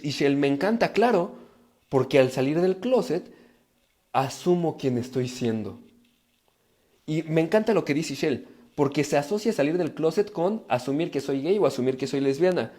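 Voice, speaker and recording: Guy doing a live self-help talk, reads comments, emphatic and animated, warm mellow voice. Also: fairly high pitch, moderate pace. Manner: emphatic, animated, addresses viewers directly. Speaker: personal growth speaker.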